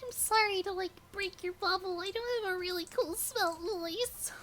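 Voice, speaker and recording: Very high-pitched cute anime girl streamer. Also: moderate pace, a bit bright, faint music behind. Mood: embarrassed, apologetic. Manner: cute anime streamer, squeaky-sweet and bashfully apologetic. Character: shy, cutesy little anime girl streamer. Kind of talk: casual livestream chat while gaming.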